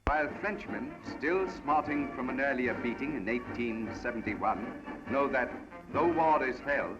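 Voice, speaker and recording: A man's voice: mid-range voice, animated, unhurried. A man giving dramatic, declaiming narration in the style of an old newsreel. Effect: old newsreel sound. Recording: dull archival newsreel audio over loud music.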